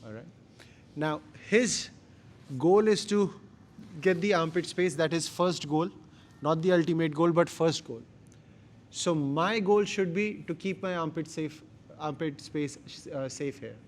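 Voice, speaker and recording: A man's voice: fairly high pitch, measured pace. A man with an Indian accent teaching a martial arts class, speaking emphatically in short, repeated phrases. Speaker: jiu-jitsu instructor.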